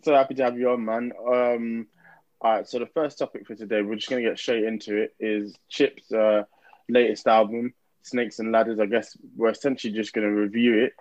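A man's voice: fairly low pitch, level tone, brisk, a little mellow, no room sound, dull audio. A man with a London roadman accent hosting a casual podcast chat in slangy, laid-back talk. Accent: London roadman (urban slang). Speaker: podcast host.

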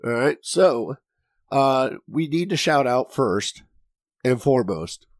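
A hoarse man hosts a casual podcast, his voice cracking as he talks. He rambles and jokes at his own expense, and the recording is dry and close. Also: mid-range voice, lively intonation, takes it slowly, dry recording. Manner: rambling, jokey, self-deprecating. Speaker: podcast host.

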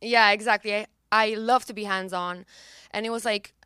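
A young singer-songwriter whose first language is Romanian chats casually in an interview, bubbly, laughing easily and using lots of fillers. Her mid-range voice is steady, pushed and bright at a normal speed, with a smooth, dry, studio-quality recording.

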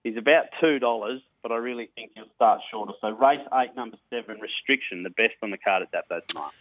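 A man's voice: on the low side, fast talker, dry recording, phone-quality sound. An Australian man presenting greyhound racing on radio in a casual, matey, blokey and colloquial way. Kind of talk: casual sports radio interview and racing tips.

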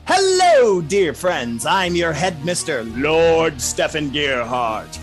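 A man's voice: on the high side, very animated, takes it slowly, soft background music. A man playing a pompous, irritable lord who hosts horror, theatrical and exasperated, in a comic podcast promo. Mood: grandiose.

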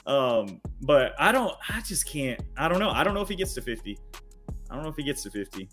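A man's voice: medium pitch, big pitch swings, a little fast, a bit bright, faint music behind. A man co-hosting a casual sports podcast, talking in a conversational, hedging way. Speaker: podcast co-host.

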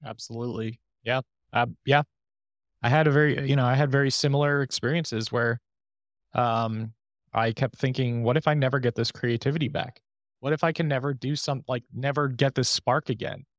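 Man, podcast guest, mid-pitched, dry close sound, candid and reflective, voice a little strained after surgery. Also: steady tone, normal speed, no echo. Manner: open, reflective, speaks with many restarts and fillers. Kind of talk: candid conversational interview.

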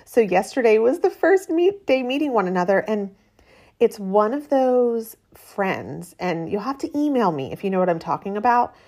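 A woman's voice: mid-range voice, sing-song, normal speed, mellow. A woman in her late thirties hosting a solo podcast in a casual, chatty, informal way. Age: late 30s. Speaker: podcast host. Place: cabin with a metal roof in rain.

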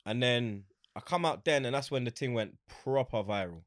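A man's voice: medium pitch, moderate pace, dry recording. London roadman guy telling stories, loads of street slang, acts out the convo, really dry close recording. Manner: animated storytelling, acts out quoted exchanges. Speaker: interview guest, football fan. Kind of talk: casual anecdotal chat.

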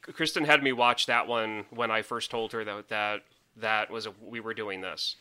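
A man's voice: fairly low pitch, steady tone, normal speed, bright, forceful tone, smooth. A man in his thirties co-hosting a casual podcast chat, rambling with restarts and laughing often. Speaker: podcast co-host.

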